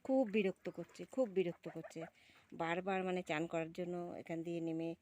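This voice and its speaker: A woman's voice: on the low side, brisk, dark tone. A woman chatting fondly about her birds while filming in her yard on a phone, often urging viewers to look. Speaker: vlogger. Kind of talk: casual home vlog commentary.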